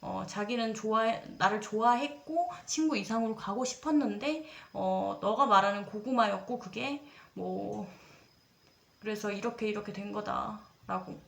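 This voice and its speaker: A woman's voice: mid-range voice, gravelly. A young woman in her twenties telling a personal dating story in a casual, confessional way, chatting straight to her viewers and acting out what people said. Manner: chatty, dramatizes quoted lines, addresses viewers directly. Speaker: storytelling creator. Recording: roomy echo.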